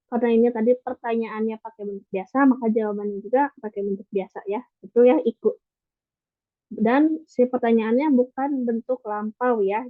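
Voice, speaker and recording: A woman teaching a language class over a video call, her voice pitched somewhat high. She explains step by step, often checking in with her students. The sound is dry and thin, like a phone line. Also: no room sound. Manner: patient explaining, frequent tag questions. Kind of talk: online class lesson. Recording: tinny call audio, dry.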